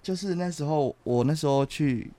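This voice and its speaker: A young man, co-hosting a podcast and telling a story in casual chat, animated and laughing as he goes. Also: on the high side, normal speed, no echo. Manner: animated storyteller, laughs through his tale. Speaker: podcast co-host.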